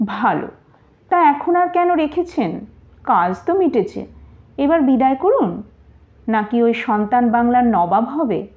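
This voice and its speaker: A woman's voice: fairly high pitch, expressive, measured pace, pauses often. A woman voicing a haughty, mocking young courtesan who speaks in a teasing, scornful way. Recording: tinny phone-like audio.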